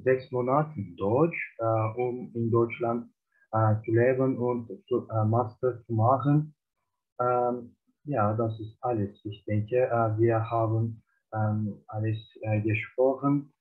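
Over a tinny, phone-like online call, a twenty-something language learner from Turkey rehearses a German oral exam with many hesitations, his Turkish accent audible. He takes it slowly, with a mid-range voice and fairly even intonation, speaking into a video call microphone.

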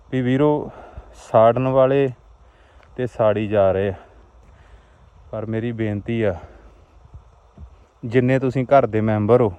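A man's voice: lowish voice, warm tone, clean tone, dry recording, highs cut off. A man with a Majhi Punjabi accent making a plaintive, exhortative outdoor vlog appeal to viewers. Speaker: vlogger. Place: outdoors on a rural roadside.

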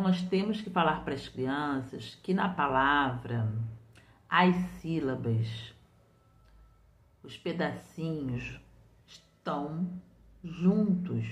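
A woman from Brazil, a literacy teacher, explains patiently and step by step, often repeating her points. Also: low voice. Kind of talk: didactic explanation. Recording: roomy, muffled home recording.

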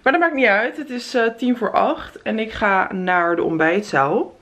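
A young woman in her twenties, a travel vlogger, chats upbeat to a handheld camera held at arm's length while on holiday outdoors, in hotel rooms and at a spa. Her mid-range voice is a bit bright and moves at normal speed.

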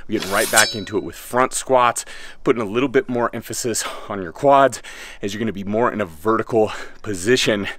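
Against a noisy background, a man in his thirties with a fairly low voice talks fairly quickly as a fitness coach. His voice-over is laid-back yet enthusiastic, walking through exercises at an outdoor home gym beside a garage.

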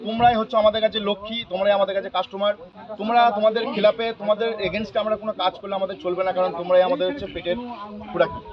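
Fast, high-voiced man addressing a crowd. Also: flat delivery. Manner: reads out a long list of names, with fillers. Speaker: sound system association spokesman. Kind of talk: public announcement at a meeting. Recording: muffled, crowd noise behind.

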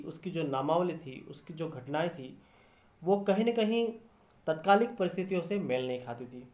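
A man's voice: a little high, darkish tone. A man teaching Hindi literature in a lecture, explaining step by step and repeating key phrases. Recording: echoey room.

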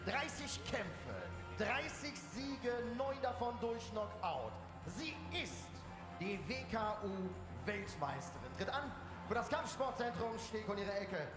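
Theatrical boxing ring announcer, man in echoing arena. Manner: theatrical, booming showman delivery. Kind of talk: boxing ring announcing, drawn-out shouted name calls. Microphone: handheld microphone. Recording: echoey arena PA with long reverb, music.

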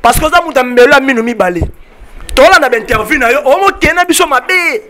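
Congolese man, 30s, fan spokesman, very high bright voice, emphatic French-Lingala, handheld mic, faint noise. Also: expressive. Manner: emphatic, rapid French-Lingala mixing, repeats "on se comprend". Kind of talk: heated interview answers. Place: outdoor porch of a building. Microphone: handheld mic held by interviewer.

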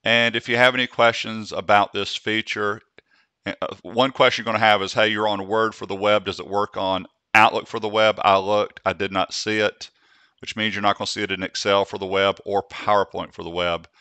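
Slow, deliberate man demonstrating dictation. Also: fairly low pitch, flat delivery, bright, forceful tone, smooth, no echo. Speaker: software tutorial host. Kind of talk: screen-recorded software tutorial.

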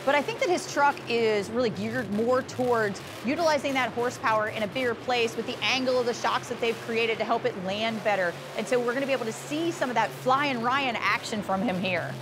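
Brisk and barely pausing, this woman's slightly high voice carries upbeat motorsport play-by-play over engines and background noise. She works as a sports commentator doing arena-style commentary.

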